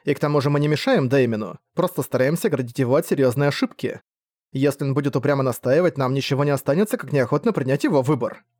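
A man's voice: mid-range voice, quick pace, dry recording, lightly acted. A man voicing a stern, overbearing middle-aged mother who scolds her son, in an audiobook. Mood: reproachful. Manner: sharp and scolding, shouting at times.

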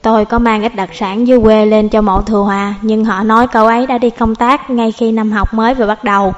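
A woman playing a slow polite male teacher. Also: on the high side, fairly even intonation, big-room sound, natural voice. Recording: slightly dull audio, faint music.

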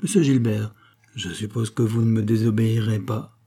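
A man's voice: on the low side, steady tone, moderate pace, mellow, close to an everyday voice. A man reading a novel aloud, voicing a proud, imperious queen in a haughty, commanding way.

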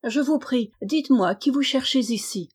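A meek young princess in a fairy tale speaks politely, as a woman reading the story puts her on. Her voice sits a little higher than the narration and sounds gentle. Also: moderate pace, slightly rough. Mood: pleading.

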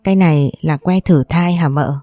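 A woman's voice: low-pitched, normal speed, mellow, no room sound, clean studio sound, natural voice. Woman doing a timid, stammering servant girl. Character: young servant girl, frightened and tearful.

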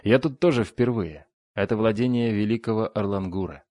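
A man voicing a grim, commanding ancient old war god in an audiobook, speaking a little higher and louder than his narration. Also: moderate pace, dry recording, clean studio sound, lightly acted. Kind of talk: audiobook character voice.

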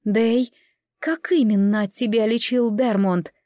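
A woman's voice: fairly high pitch, steady tone, slow, warm tone, dry recording, clean studio sound. A woman reading an audiobook, voicing a protective, firm older sister. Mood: worried.

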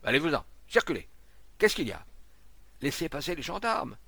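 Huge gendarme sergeant, brusque and loud, barks at the crowd, put on by a male reader. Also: on the high side, very animated, normal speed, no room sound, pitched above the performer's own voice, heavily acted. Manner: barking orders.

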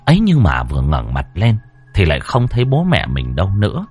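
A man narrating a ghost story in a lively, dramatic storytelling manner. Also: deep voice, fairly quick, soft background music.

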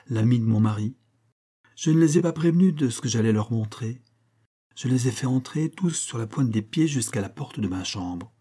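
Guy doing a giddy gossipy young wife, mellow voice, lively telling. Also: mid-range voice, slightly rough. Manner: gossipy, breathless with amusement when retelling. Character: young society wife, mischievous and gleeful.

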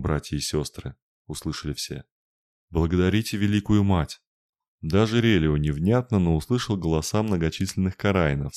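A man reading an audiobook in an even, measured way. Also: deep voice, no echo, studio quality. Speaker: audiobook reader. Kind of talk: audiobook narration.

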